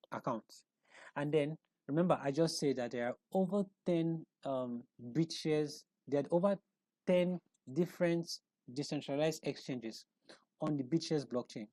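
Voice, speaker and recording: A man's voice: a little high, dark tone, dry recording. A man presenting an online explainer, talking through a screen walkthrough off the cuff, with frequent restarts, repeated words and rhetorical questions to the viewer.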